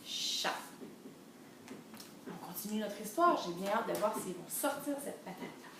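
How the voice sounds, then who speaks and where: A woman reading a picture book aloud to toddlers, with a sing-song storytelling manner and slow, letter-by-letter teaching of syllables. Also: mid-range voice, lively intonation, creaky, noisy background. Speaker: children's librarian reader. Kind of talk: enriched read-aloud for toddlers with phonics teaching. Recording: echoey room, mic at a distance.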